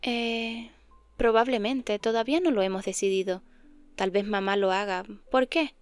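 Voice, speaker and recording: A woman voicing the narrator's distracted adult sister, speaking briskly and a little louder and higher than the narration. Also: clear, resonant tone, dry recording, soft background music, lightly acted. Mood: offhand.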